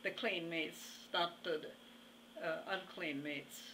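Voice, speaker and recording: Centenarian woman interviewee: very old voice, unhurried and halting, bright edge, slight background noise. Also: on the low side, fairly even intonation. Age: over 100. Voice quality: very old, aged voice. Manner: halting, pauses mid-phrase, plainspoken. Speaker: interview guest. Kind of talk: reminiscing in conversation.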